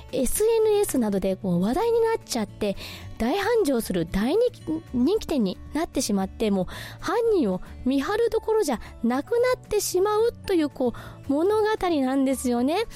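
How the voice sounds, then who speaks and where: A woman hosting a radio show, talking casually about films and reading listener messages with lots of soft fillers. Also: sits high, sing-song, normal speed, soft background music. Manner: chatty, many soft fillers. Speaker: radio host.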